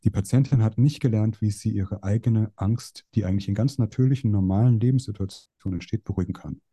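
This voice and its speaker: A man's voice: lowish voice, fast talker, mellow, slightly rough, no room sound, studio quality. A young man, a psychoanalyst, explaining his clinical work in conversation and working through case examples. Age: young adult. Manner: explains with case examples, voices patients' lines.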